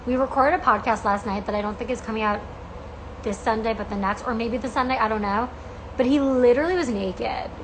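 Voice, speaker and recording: An American woman in her twenties with creaky vocal fry, chatting casually to fans on a livestream in a gushing, emphatic, slangy way. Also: fairly high pitch, fairly quick, background noise. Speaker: podcast host and coach.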